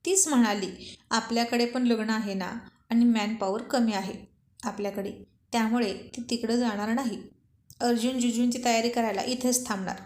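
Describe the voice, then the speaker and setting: A woman's voice: fairly high pitch, steady tone, moderate pace, darkish tone, echoey room, lightly acted. A woman voicing a joking young man who likes to rib his friends. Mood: playful. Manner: playful ribbing.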